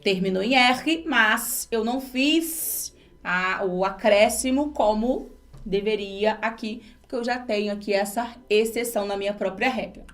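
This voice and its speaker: A woman's voice: mid-range voice, unhurried, fairly bright tone. A woman from Brazil teaching an exam-prep grammar lesson, explaining step by step and asking her students rhetorical questions.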